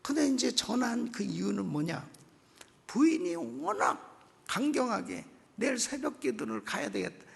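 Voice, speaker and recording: A man preaching as guest pastor at a revival meeting, telling a story in an animated way and acting out its people, at times bursting into loud exclamations. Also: extremely high pitch, normal speed, vocal fry. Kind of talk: sermon storytelling. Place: church sanctuary. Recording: echoey church hall.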